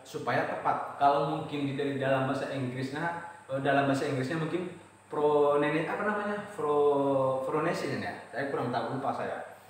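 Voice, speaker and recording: An Indonesian man with an Indonesian accent explaining letters in a casual lesson, chanting recited verses slowly. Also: mid-range voice, far from the mic. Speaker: Quran reading teacher. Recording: very echoey room, voice off-mic, faint noise.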